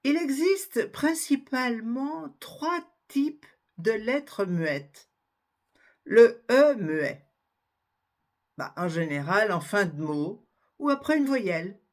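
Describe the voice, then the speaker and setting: A woman giving a spelling and pronunciation lesson, slowly spelling out letters and examples one by one. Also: on the high side, expressive. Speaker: French teacher.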